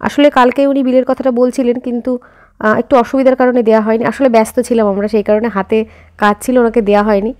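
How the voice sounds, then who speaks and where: A woman's voice: fairly high pitch, fairly even intonation, fast talker, darkish tone. A woman in her thirties speaking Bengali with a slight rural lilt, chatting casually to her viewers as she goes about her daily routine. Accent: Bengali with a slight rural Jessore-Khulna lilt. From India. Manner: chatty, addresses viewers directly, frequent fillers. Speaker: vlogger. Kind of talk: casual vlog narration. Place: home and outdoors while running errands.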